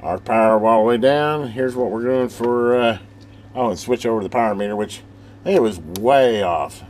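Medium-pitched with a darkish tone and normal speed, this man shows off a CB radio as a hobbyist, thinking aloud in a relaxed, folksy, rambling manner. Slight background noise is present.

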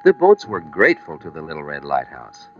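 A man narrating a children's storybook in a slow, expressive reading voice. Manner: slow, expressive reading with lively, rising and falling pitch. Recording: muffled old vinyl record with music.

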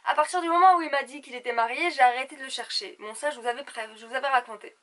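Young woman vlogger, high voice, animated gossipy chat with the girls, kinda dramatic. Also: racing. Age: young adult. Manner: animated, theatrical girly gossip. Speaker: beauty vlogger. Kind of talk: casual gossipy chat to camera, as between girlfriends. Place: small indoor room at home.

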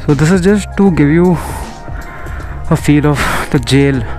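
A man's voice: fairly high pitch, measured pace, warm tone, soft background music. A man with an Indian accent casually narrating a walk-around travel vlog, switching between Hindi and English as he talks. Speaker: travel vlogger.

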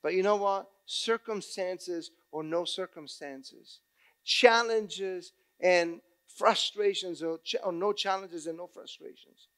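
A male pastor delivering a storytelling sermon in a slightly high voice. He swings from quiet, low reflection up to emphatic, loud peaks. His delivery stays animated throughout. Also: slow pace.

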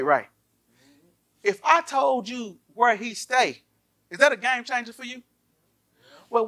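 A pastor preaches to his church in a high, bright voice. He is animated and keeps throwing rhetorical questions at the room. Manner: animated, asks the congregation many rhetorical questions. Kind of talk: lively sermon.

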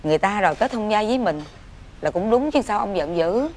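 A woman's voice: medium pitch, lively intonation, a little fast, a little mellow, slight background noise, natural voice. An actress with a Southern Vietnamese accent playing a worried, middle-aged rich mother in a cartoon fairy tale. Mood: coaxing. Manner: coaxing, then frantic wailing. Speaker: voice actor. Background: music.

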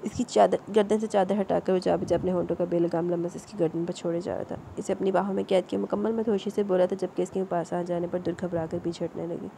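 A woman narrating a romance novel in a steady, even reading style. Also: lowish voice, vocal fry, hardly any pauses, slight background noise. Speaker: audiobook narrator.

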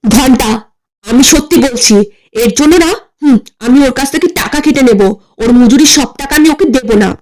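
A woman's voice: high-pitched, fairly quick, a little mellow, natural voice. A woman voicing a fussy, fashionable young cartoon wife who talks shrilly and dramatically, mixing in English phrases. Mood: bossy. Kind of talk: comic cartoon voice acting.

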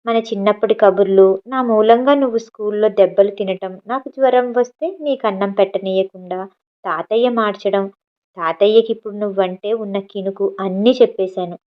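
Woman, audiobook narrator, middle pitch, reads the characters' lines too, dull lo-fi sound. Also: steady tone, moderate pace. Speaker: audiobook reader. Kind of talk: reading a novel aloud.

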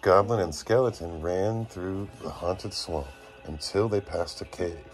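A man's voice: deep voice, a little slow, over music, low-quality recording. A man in his thirties, a father, reading a storybook aloud expressively to children. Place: small dim bedroom, lying down beside children. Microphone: phone at arm's length.

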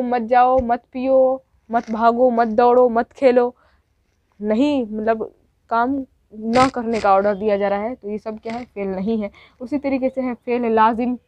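A woman's voice: fairly high pitch, darkish tone, no room sound. A woman teacher giving a grammar lesson, asking questions and answering them herself, with lots of repetition. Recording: dull, dry lo-fi sound.

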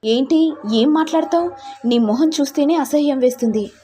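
A woman's voice: high voice, normal speed, dark tone, slight background noise, pitched above the performer's own voice, natural voice. A woman voicing an angry young husband who scolds his wife with contempt, in a retold family serial. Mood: scornful.

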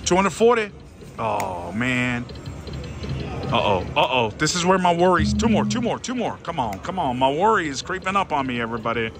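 A man giving casual, excited, theatrical commentary as he gambles, repeating phrases pleadingly and addressing his viewers. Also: on the high side, normal speed. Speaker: slot machine gambling vlogger. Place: busy casino floor at a slot machine. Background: slot machine music.

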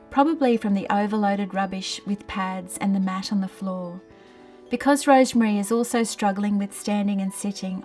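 Middle-aged woman, occupational therapist, mid-pitched, calm and measured training narration. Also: recorded from a distance. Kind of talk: scripted training narration and gentle client questioning. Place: small tiled bathroom in a home.

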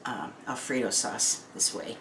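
A woman in her sixties, hosting a home cooking video in casual chat, homey and chatty with many pauses and ums. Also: a bass voice, creaky, a bit bright. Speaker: home cooking channel host. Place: home kitchen, indoors. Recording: noisy home kitchen recording. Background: clinking dishes and pans.

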